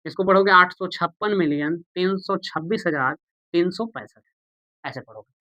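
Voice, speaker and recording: A man's voice: high-pitched, moderate pace, bright, forceful tone, no room sound, dull audio. A man teaching a maths lesson, patient and repetitive, who asks the viewers questions and answers them himself. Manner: patient, repeats steps, calls viewers "beta" and "bhaiya".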